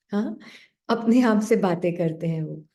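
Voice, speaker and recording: A woman giving a gentle spiritual talk to an online class, asking her listeners questions and dropping into a low voice to act out the doubting mind. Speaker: spiritual teacher.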